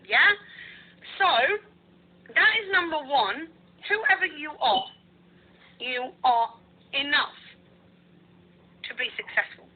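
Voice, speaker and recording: A woman giving a motivational business coaching talk to a group, emphatic and repetitive, often checking in with "right?" and "okay?". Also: high-pitched. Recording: tinny phone-like audio.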